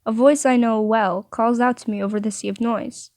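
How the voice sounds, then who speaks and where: A woman's voice: fairly high pitch, steady tone, normal speed, a little mellow, dry recording, studio quality. A woman reading a visual novel aloud, with playful asides between narration. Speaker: story reader.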